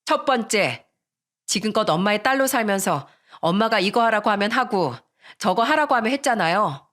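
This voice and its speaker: A woman voicing a determined young woman in a radio story, speaking firmly and calmly as she defies her mother. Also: medium pitch, lightly acted. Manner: firm, calm, deliberate.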